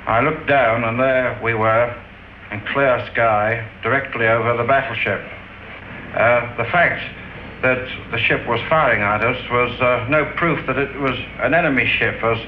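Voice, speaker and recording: A middle-aged man and former wartime pilot recalling a mission in an old interview, dry and understated, pausing with ums. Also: medium pitch, steady tone. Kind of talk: archival interview recollection. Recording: tinny, roomy old interview with faint hiss.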